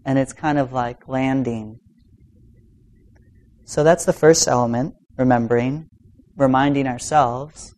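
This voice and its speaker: A man teaching meditation in an informal dharma talk, speaking in a halting, reflective way with long pauses. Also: mid-range voice, steady tone, a little mellow. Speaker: meditation teacher giving a talk to a practice group.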